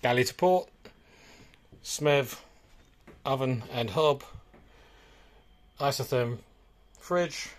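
A man giving a walkthrough tour of a boat for sale as its broker, listing features in brisk short phrases while he films aboard. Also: mid-range voice. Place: aboard a small motor boat, cabin and cockpit.

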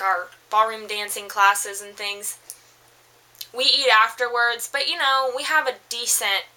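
A young woman rambling through a casual makeup haul review, full of fillers and restarts, her voice a little hoarse from allergies. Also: fairly high pitch, pushed and bright, poor audio. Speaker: beauty vlogger.

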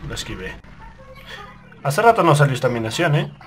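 A man commentating on his own game run, swearing, yelling when startled, and muttering to himself. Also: a little high, sing-song, fairly quick, slight background noise. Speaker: gaming video host. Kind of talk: let's play commentary.

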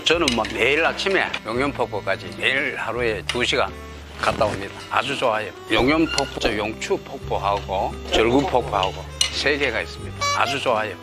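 An older man in his sixties talks casually in a Gyeongsang accent. His pitch is average, and music plays clearly behind him. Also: expressive, normal speed. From rural Cheongsong, South Korea. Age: 60s or older. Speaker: village senior center secretary. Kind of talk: casual self-introduction and reminiscing.

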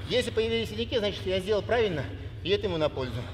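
A man's voice: sits high, expressive, very fast. A man giving short, plain step-by-step instructions as he demonstrates a technique. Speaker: massage therapist demonstrating. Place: large echoing sports hall. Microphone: camera a few meters away. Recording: echoey hall, loud background noise.

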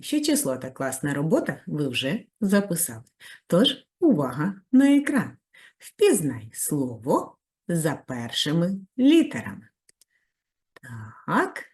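Low-voiced woman teacher, swoops way up and down, encouraging kids step by step in a video lesson. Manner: warm encouraging teacher, praising and giving step-by-step tasks; very lively pitch, rising high on praise. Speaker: primary school teacher.

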